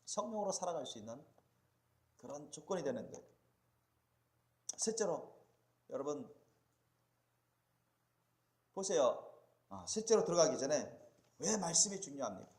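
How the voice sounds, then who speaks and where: Animated Korean pastor preaching in echoey church. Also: male voice, a little slow, long pauses. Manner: preaching with call-and-response questions to the congregation; swings between loud emphatic peaks and quiet low asides. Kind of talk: sermon. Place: church sanctuary.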